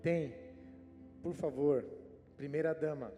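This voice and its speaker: A man with a Brazilian accent preaches in a church, his voice high yet mellow, talking with the congregation in a chatty, tag-question style. The long reverb of the hall trails every phrase while faint instrumental music plays underneath. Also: takes it slowly, dull audio. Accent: Brazilian Portuguese. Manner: conversational preaching, frequent "né?" tags. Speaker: pastor. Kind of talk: sermon.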